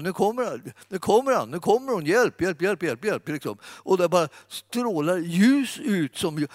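A man giving an informal sermon, chatty and animated, speaking straight to his listeners. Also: high-pitched, no echo, clean studio sound. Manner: conversational, animated, fillers and restarts, addresses audience. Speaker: preacher.

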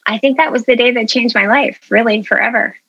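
A woman's voice: on the high side, a little fast, creaky, fairly bright tone, slightly rough, no echo. Woman guest telling her story, earnest, lots of um and you know, a bit muffled. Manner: earnest, chatty, many fillers. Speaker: interview guest, food media founder. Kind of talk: casual interview storytelling.

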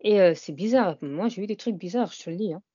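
A woman's voice: medium pitch, fast, warm tone, slightly rough, dry recording, highs cut off. A young woman as an interview guest, talking casually and hesitantly, with many fillers and "you know" tags. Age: young adult.

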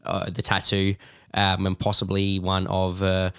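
Low-voiced joking male co-host, still a bit hoarse. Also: monotone, a bit bright, no room sound. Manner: dry jokey, halting with fillers. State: voice not fully recovered from losing it. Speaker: podcast co-host. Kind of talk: casual podcast chat. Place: studio.

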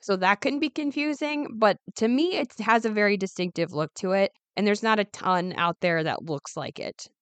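A woman podcast host talks in a raspy, faintly gravelly voice, hoarse with a cold. Her pitch sits in an ordinary female range. She chats informally and corrects herself as she goes, in a close, dry recording. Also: normal speed, few pauses, dry recording. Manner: chatty, informal, self-correcting. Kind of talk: casual solo podcast talk.

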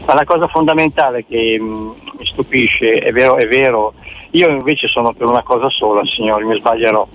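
A man's voice: mid-range voice, brisk, a bit bright. An older man from the Milan area calls in to a sports radio show by phone, rambling through his opinions and addressing the listeners directly. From Milan area of northern Italy. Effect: phone-line caller heard over the radio. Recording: muffled phone line with faint hiss.

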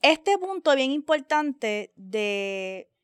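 Speaking extremely slowly yet very animated, a young woman with a Puerto Rican Spanish accent co-hosts a casual podcast, telling stories and dropping into English phrases. Her voice is high, a bit bright and clean. The audio is studio quality, without room sound.

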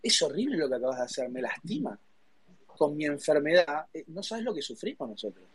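A man's voice: fairly high pitch, big pitch swings, a little fast, slightly rough, dry recording. A man with a Rioplatense accent hosting a live audio chat, talking in a sarcastic, mock-offended way. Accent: Rioplatense Spanish. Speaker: host of a live audio space. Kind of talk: heated casual chat.

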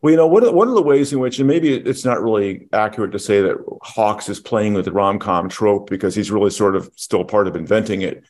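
A man co-hosting a film podcast talks through a movie thoughtfully and explanatorily, restarting often in the casual discussion. His lowish, darkish voice is expressive and fairly quick, with few pauses.

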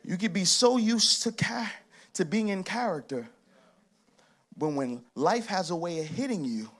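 Delivering a church sermon, a preacher of Haitian heritage uses a strikingly high voice. He stacks emphatic repetitions until they become shouts, then eases off with laughing, conversational asides.

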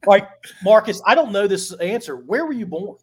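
A man's voice: sits high, lively intonation, fairly quick, slightly rough. A man hosting a casual podcast interview, joking and asking short questions. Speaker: host.

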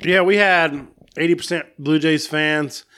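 An excitable American man sharing road-trip stories on a podcast, laughing as he goes. His voice sits a little high. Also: a little slow, clean tone. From United States. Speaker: podcast co-host. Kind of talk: casual chat.

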